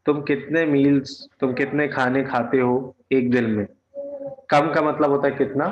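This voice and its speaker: A man teaching Arabic from a textbook, translating each phrase word by word and repeating it. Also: medium pitch. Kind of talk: textbook lesson. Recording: echoey, slightly dull recording.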